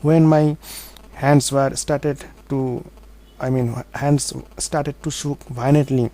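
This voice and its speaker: Earnest man with a mellow voice. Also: mid-range voice, steady tone, low-quality recording. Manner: earnest, halting, with grammar slips. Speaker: vlogger telling his own story. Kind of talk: personal storytelling monologue.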